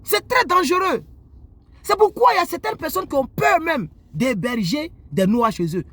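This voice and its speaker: A man's voice: very high voice, moderate pace, dry recording. A man from Côte d'Ivoire, seated indoors and delivering a preachy monologue straight to his viewers. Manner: animated, preachy, addresses viewers directly. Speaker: YouTuber. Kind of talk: moralizing monologue to camera.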